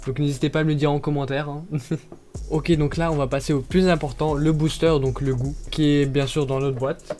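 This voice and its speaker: A man's voice: on the high side, steady tone, normal speed, a little mellow, soft background music. A man chatting casually while unboxing products, hesitating often with fillers and breaking into short laughs.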